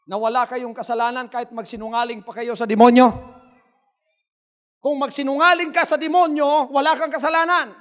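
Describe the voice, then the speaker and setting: A male pastor preaching a fiery sermon that swings between hushed asides and shouted declarations. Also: very high-pitched. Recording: echoey hall reverb.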